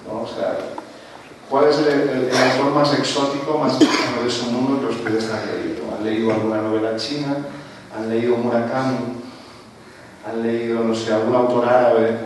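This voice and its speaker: A panelist from Spain, a man who isn't a native Spanish speaker, gives an academic talk to an audience in a mid-range voice, peppering his lecture with rhetorical tag questions. He's far from the mic in a roomy hall, with faint ambience and background noise.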